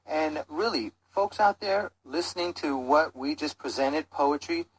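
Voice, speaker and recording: A man's voice: on the high side, unhurried, slight background noise, low-quality recording. A man on a live radio show, making an enthusiastic pledge appeal and daring listeners to call in. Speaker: radio co-host. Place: radio studio.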